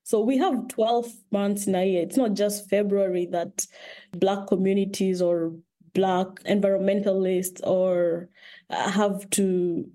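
A woman's voice: medium pitch, fairly even intonation, measured pace, mellow. A woman from Kenya, a guest in a conversational interview, talking thoughtfully with frequent restarts.

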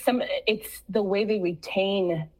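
A woman who teaches steel pan, speaking as a guest in a radio interview in an earnest, halting way with many restarts. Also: mid-range voice, fairly even intonation, warm tone, low-quality recording.

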